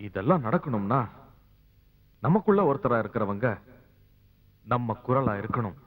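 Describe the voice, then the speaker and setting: Male actor as earnest raspy village leader; thin, tinny film sound. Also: medium pitch, animated, moderate pace, close to an everyday voice. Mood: rallying. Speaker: village leader campaigning for an election. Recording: tinny phone-like film audio.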